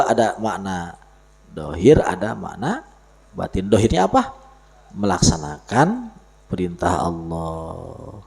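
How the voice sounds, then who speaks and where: Male religious teacher with a gravelly, expressive delivery, teaching and joking. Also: mid-range voice. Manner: explains Arabic text in Indonesian, lively and joking. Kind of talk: sermon. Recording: live audio stream.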